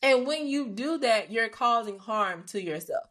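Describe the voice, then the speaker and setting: A woman's voice: on the high side, lively intonation, measured pace, a bit bright. A woman hosting a faith-based podcast, talking casually and expressively, laughing often and dropping slangy asides. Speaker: podcast host.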